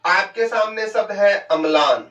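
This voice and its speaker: A man teaching Hindi grammar in a lecture. He asks questions and answers them himself, and he draws words out slowly to show how they sound. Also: sits high, expressive, a bit bright, recorded from a distance. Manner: stretches out words to show pronunciation. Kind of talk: classroom lecture. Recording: dull, echoey and off-mic.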